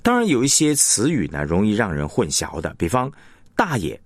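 A man's voice: moderate pace, no room sound. A man teaching announcing technique in a radio lesson, reading out example words to show where the stress falls. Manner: demonstrates word stress with lively rising and falling pitch. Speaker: broadcasting teacher.

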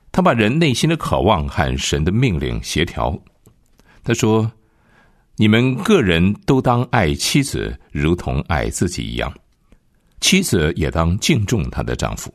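A male preacher delivering a sermon to radio listeners in a deep voice. His delivery is emphatic, swooping between high and low with great animation. The recording is dry and close. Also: no room sound. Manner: emphatic, rises and falls dramatically.

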